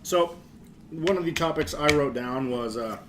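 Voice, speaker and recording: A man's voice: a little high, noisy background. A young man chatting casually on a podcast, rambling and joking. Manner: rambling, playful, quick to joke. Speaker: podcast co-host. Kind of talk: casual chat.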